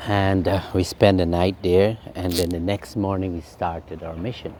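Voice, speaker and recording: A man with a fairly low voice gives an informal spiritual talk outdoors by a fountain. He speaks as a swami, unhurried and reflective, often pausing on "um". Faint outdoor ambience and passing traffic sit behind him. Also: little pitch movement, darkish tone. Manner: unhurried and reflective, with frequent ums.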